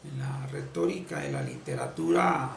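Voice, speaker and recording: A man giving an unscripted esoteric religious lecture, halting and repeating phrases as he searches for words. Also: a little high, huge pitch swings, creaky, far from the mic, slight background noise. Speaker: esoteric spiritual teacher. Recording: echoey room, voice off-mic, faint ambience.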